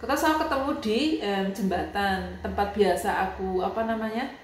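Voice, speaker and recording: A woman's voice: medium pitch, moderate pace. Chatty Javanese woman in an echoey room. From Yogyakarta, Java, Indonesia. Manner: chatty, emotional, mixes Javanese, Indonesian and English. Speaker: vlogger. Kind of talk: casual storytelling to viewers. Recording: very echoey room with faint ambient noise.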